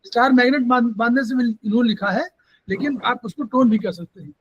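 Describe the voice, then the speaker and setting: A man's voice: very high-pitched, fast talker, lo-fi sound. A man teaching acupressure over a video call, firmly correcting and directing students to points. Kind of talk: instructive explanation.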